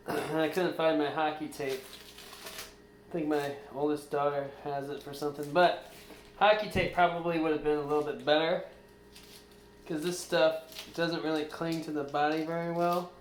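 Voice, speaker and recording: A man's voice: on the high side, steady tone, moderate pace, reverberant, slight background noise. A man vlogging at home, explaining step by step in plain, casual speech. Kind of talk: casual home-video narration. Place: room in a house.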